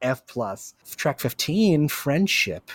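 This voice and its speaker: A man in a casual podcast chat with a middle-pitched voice. He rambles through half-finished sentences, swears freely, and keeps breaking into loud, goofy impressions. The sound is dry and close to the mic. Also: sing-song, slow pace, slightly rough, no echo. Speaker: podcast co-host.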